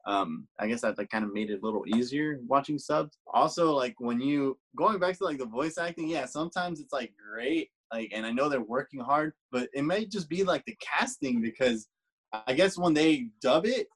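A man co-hosting a casual podcast, ranting in an animated way and swearing freely. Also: mid-range voice, moderate pace, husky, low-quality recording. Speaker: podcast co-host. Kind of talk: casual chat.

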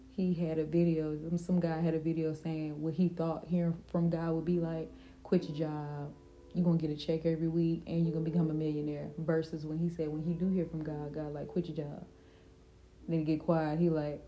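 Animated mellow-voiced woman vlogger. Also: on the low side, slight background noise. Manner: animated, talks to viewers as "y'all". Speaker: vlogger and podcast host. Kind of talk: casual faith-centered chat.

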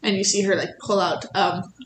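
A woman's voice: mid-range voice, flat delivery, moderate pace, echoey room, slight background noise, low-quality recording. A woman running a tabletop game as game master, narrating casually with lots of fillers. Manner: casual, filler-heavy narration with many likes and ums.

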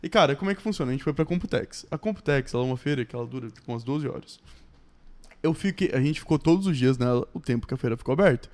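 A Brazilian man chatting casually and slangily on a podcast, telling stories in an animated way and acting out what people said. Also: medium pitch, racing. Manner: animated storyteller, slangy, acts out reported dialogue. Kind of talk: casual chat.

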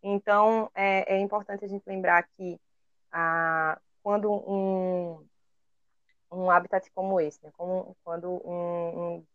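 A woman's voice: fairly low pitch, flat delivery, takes it slowly, fairly bright tone, clear, resonant tone, no echo. A woman with a Brazilian Portuguese accent, co-hosting an educational podcast and explaining carefully, with frequent hesitations as she searches for words. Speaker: co-host. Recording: dry, dull lo-fi recording.

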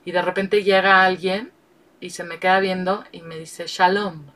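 A middle-aged Mexican woman, a guest, telling a candid story with frank, animated delivery and frequent laughs. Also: fairly low pitch, moderate pace. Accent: Mexican Spanish. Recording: voice distant from the mic.

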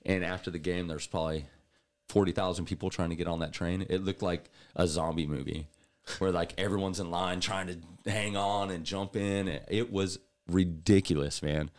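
A man co-hosting a podcast, telling animated stories in casual chat and laughing often. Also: deep voice, moderate pace. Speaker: podcast co-host.

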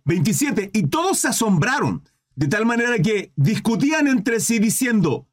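A man's voice: high-pitched, big pitch swings, moderate pace. A man preaching in a livestreamed Bible study, reading scripture aloud, then commenting with rhetorical questions and asides to viewers. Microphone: livestream microphone.

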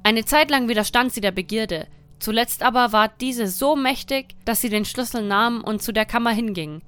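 A woman reading a dark fairy tale aloud in a measured, dramatic storytelling manner. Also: fairly high pitch, clear, resonant tone, faint music behind.

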